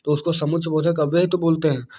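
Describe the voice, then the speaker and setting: A man with a fairly high voice teaches an exam-prep grammar lesson. He explains patiently, repeats key terms and keeps checking that the listener is following. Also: little pitch movement, fast talker, dark tone, husky.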